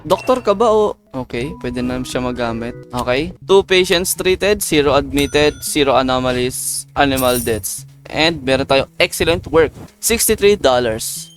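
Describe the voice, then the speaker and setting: A man's voice: mid-range voice, lively intonation, unhurried, soft background music. A man from the Philippines giving playful, joking let's-play commentary, chatting with his viewers as he plays. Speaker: gaming video creator.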